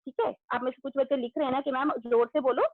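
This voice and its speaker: A woman school teacher giving an online class to young children. She talks loudly, calls out pupils' names and praises their answers. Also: sits high, steady tone, fast, no room sound. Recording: tinny phone-like audio.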